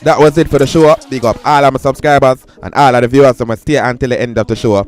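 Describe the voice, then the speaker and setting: A man's voice: mid-range voice, fairly even intonation, fast talker. A man with a Jamaican accent hosts a dancehall news commentary in a chatty patois, often speaking to his viewers as "people". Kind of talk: YouTube commentary.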